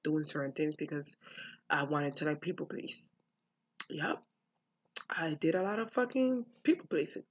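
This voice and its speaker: In a dull-sounding recording, a young adult woman from the United States speaks in a low voice to camera. The vlogger's monologue about her upbringing is candid, blunt and laced with swearing.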